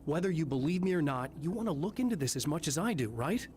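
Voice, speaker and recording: Earnest higher-voiced game hero. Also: male voice, sing-song, fast talker, darkish tone, a little hiss or hum. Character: earnest, determined male investigator caught in a time loop. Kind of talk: scripted video game acting.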